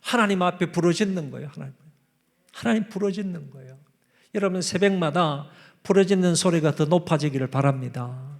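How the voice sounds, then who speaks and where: High-voiced preacher calling out emphatically. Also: male voice, brisk, creaky. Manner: emphatic, calls out and repeats phrases. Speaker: pastor. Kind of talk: revival sermon. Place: church.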